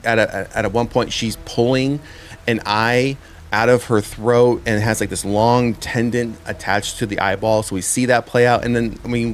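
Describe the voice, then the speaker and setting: A man who hosts a horror trailer review show speaks in a mid-range voice, with a little hiss or hum in the audio. His review is casual and meandering, full of repeated words as he works through his ideas.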